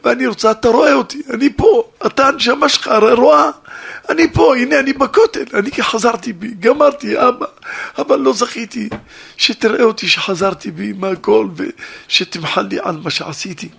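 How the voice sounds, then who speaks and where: A man's voice: creaky, a bit bright, slightly rough, exaggerated voice. A man putting on a weeping young woman begging forgiveness. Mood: tearful pleading. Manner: tearful pleading, voice rising high. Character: remorseful young woman begging her dead father.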